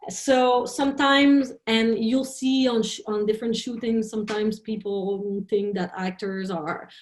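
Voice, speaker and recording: A woman film director, a native French speaker, speaking English in an interview, halting and searching for words. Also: on the high side, fairly even intonation. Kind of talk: interview talk in a second language. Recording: roomy echo.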